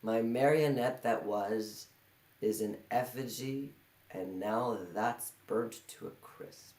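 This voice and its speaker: A man's voice: fairly low pitch, slow, darkish tone. A man performing a live stage monologue as a bitter, self-loathing failure, sardonic and crude. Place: indoor performance hall. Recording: echoey hall.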